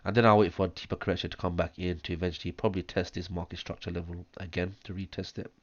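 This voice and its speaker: Brief: hoarse, low-pitched man, chesty cough, monotone chart walkthrough full of ums, close dull lo-fi mic. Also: fast talker, dry recording. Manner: talks step by step through wave counts, many ums. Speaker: trading analyst. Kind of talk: screen-share chart analysis. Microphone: close mic, audible breathing.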